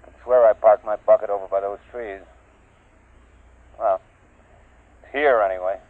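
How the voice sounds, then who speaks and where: A man's voice: on the low side, steady tone, normal speed, no room sound, lightly acted. An actor playing a male field captain on a recorded field transmission in a 1950s radio drama. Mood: casual. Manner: casual, then screaming in panic. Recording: dry tinny old radio sound.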